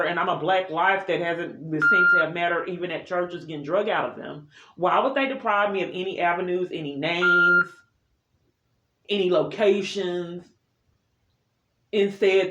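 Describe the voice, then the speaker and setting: Muffled, noisy and full of clicks, this roomy-sounding clip has a vlogger with a lowish voice airing a personal complaint. She speaks unscripted, setting out her grievances insistently and with an aggrieved air.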